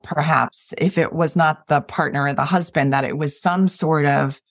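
Woman host, lowish voice, encouraging, laughs easy, dry mic. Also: fairly even intonation, normal speed, no echo. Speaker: interviewer, host. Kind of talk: conversational interview.

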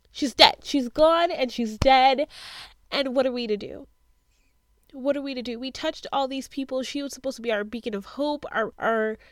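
A woman's voice: fairly high pitch, dry recording. A young woman hosting an emotional TV episode recap, speaking with passion and repeating phrases for emphasis.

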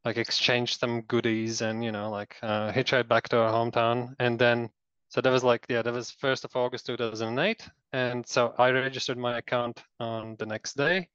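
A man's voice: medium pitch, steady tone, normal speed, fairly bright tone, clear, resonant tone, dry recording, highs cut off. A man from Latvia telling a story in a casual interview, rambling with many fillers and restarts. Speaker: guest.

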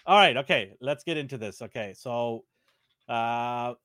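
A man's voice: mid-range voice, a little slow, no room sound, studio quality. A middle-aged man co-hosting a podcast in casual chat, joking around and laughing often. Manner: jokey and animated, laughs often. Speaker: podcast co-host.

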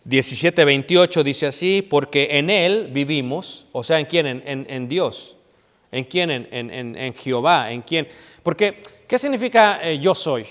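A man preaches a sermon in an expressive, unhurried voice, teaching emphatically and asking questions he then answers himself. When telling a personal story, he drops to a quiet, low voice. The hall carries a long reverb.

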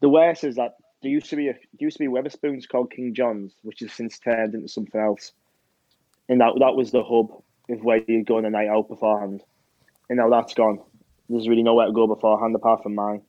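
A man's voice: mid-range voice, flat delivery, a little fast, dark tone, no echo, dull audio. A young man from Hartlepool chatting casually, rambling and wry. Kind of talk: casual chat.

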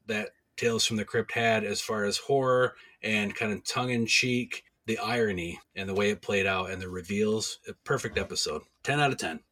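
A man with a fairly low, bright and forceful voice chats casually as a podcast co-host. He gives recaps and reviews and slips in deadpan jokes. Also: normal speed, few pauses. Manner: deadpan joking, informative recaps. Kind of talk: casual chat, reviewing horror episodes.

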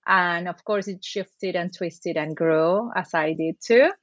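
A woman's voice: lowish voice, takes it slowly, no echo. Woman, dry close sound. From Buenos Aires, Argentina. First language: Spanish. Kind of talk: interview conversation.

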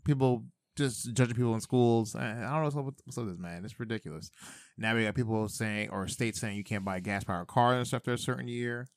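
A man co-hosts a laid-back podcast, wandering through his stories with jokes and stammered restarts. His voice sits at an ordinary pitch. The sound is dry and close. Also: steady tone, quick pace, dry recording. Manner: rambling, joking, frequent stammered restarts. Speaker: podcast co-host. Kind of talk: casual chat.

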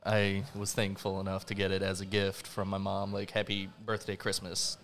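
A man speaks in a lowish, very even voice as a band's drummer being interviewed. His talk is casual and slangy, with some swearing. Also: normal speed. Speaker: band drummer, podcast guest. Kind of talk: casual chat.

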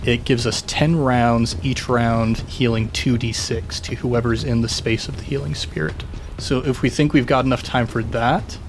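Mid-pitched man talking tabletop tactics. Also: fairly even intonation, moderate pace, slight background noise. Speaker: player. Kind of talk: casual tactical tabletop game talk.

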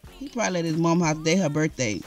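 An actress playing a brash, welcoming cousin who talks in familiar slang at home. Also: female voice, sits low, animated, fast, darkish tone, faint music behind. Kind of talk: naturalistic screen drama dialogue.

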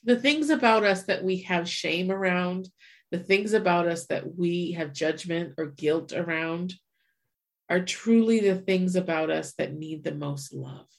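Woman, 40s, low-ish voice, earnest reflective chat co-host. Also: unhurried, creaky. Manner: earnest, reflective, many restarts. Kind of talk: casual chat.

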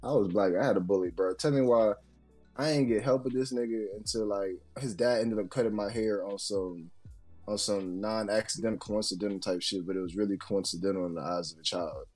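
A man's voice: on the low side, brisk, a little mellow, faint music behind. A young adult man co-hosting a podcast, telling a story in a loose, slangy, profane way full of fillers. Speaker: podcast co-host. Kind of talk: casual storytelling chat.

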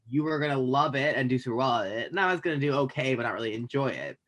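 A man's voice: mid-range voice, expressive, fast, a bit bright. A man from Canada co-hosting a podcast, chatting in a rambling, joking way with frequent restarts. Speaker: podcast co-host. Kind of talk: casual chat.

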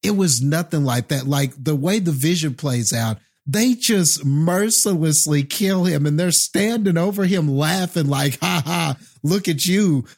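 A man's voice: on the high side, lively intonation, unhurried, few pauses, darkish tone. A man co-hosting a casual movie review podcast who fires off questions and laughs often. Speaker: podcast co-host.

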